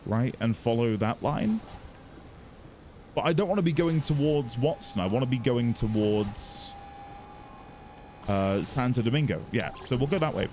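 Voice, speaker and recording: A man's voice: mid-range voice, lively intonation, measured pace, pauses often, a little mellow, slight background noise. A man giving casual, musing gameplay commentary as a let's play host, chatty and prone to mild swearing. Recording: game music behind the voice.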